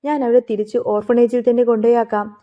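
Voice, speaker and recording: A woman's voice: fairly high pitch, level tone, brisk, lightly acted. A woman voicing a sly young man who teases his aunt. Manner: teasing, sly. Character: young man, mocking nephew playing a trick. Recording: phone-like narrow sound.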